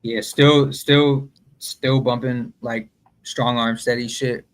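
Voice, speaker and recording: A man's voice: mid-range voice, steady tone, takes it slowly, poor audio. A man on a roundtable podcast, casually listing what he's been listening to with many ums. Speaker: podcast co-host.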